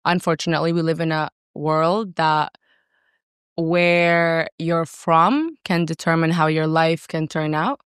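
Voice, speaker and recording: As a guest on a podcast, a Saudi-raised woman entrepreneur talks in a relaxed, confident way, driving her points home emphatically. She has a deep, clear, resonant voice and a measured pace, captured in clean studio sound with no room sound.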